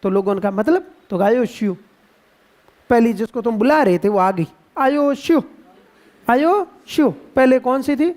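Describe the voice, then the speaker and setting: A man from India with a high, darkish voice and a Rajasthani Hindi accent gives a geography lecture to his class. He's playful, quizzing students through drawn-out repetitions.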